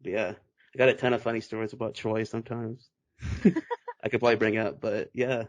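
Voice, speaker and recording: A man's voice: on the low side, flat delivery, brisk. Chatty young man laughing a lot. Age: 20s. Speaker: podcast host. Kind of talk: casual chat.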